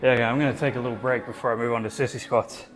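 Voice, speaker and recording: A man's voice: medium pitch, steady tone, rapid-fire. Breathless man vlogging mid-workout. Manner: chatty, swears freely, breathy between sets. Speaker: fitness vlogger. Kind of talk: casual gym vlog narration. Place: indoor gym.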